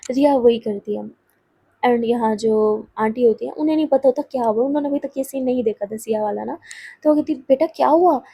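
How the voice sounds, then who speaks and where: Chatty woman storyteller, husky voice. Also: fairly high pitch, dark tone. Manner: chatty, addresses listeners directly. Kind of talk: casual storytelling narration.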